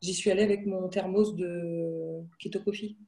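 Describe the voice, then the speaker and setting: Woman, 30s, casual storyteller, warm low voice, animated quoting. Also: normal speed. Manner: lively anecdotes, animated quoting. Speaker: network marketing distributor. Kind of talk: casual talk to camera.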